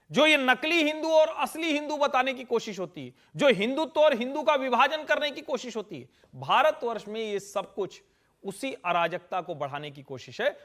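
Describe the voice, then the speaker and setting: A man speaking as a political commentator on a TV panel, forceful and lecturing. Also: very high voice. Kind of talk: TV panel debate.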